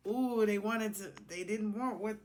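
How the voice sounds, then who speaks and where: There's a bit of hiss or hum as this woman, hosting a collective tarot session, talks her way through the cards off the cuff, casually addressing them and herself. Her medium-pitched voice is darkish and measured in pace.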